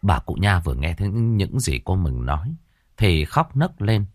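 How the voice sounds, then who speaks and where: A man narrating a ghost story in an expressive, suspenseful style. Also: deep voice, moderate pace.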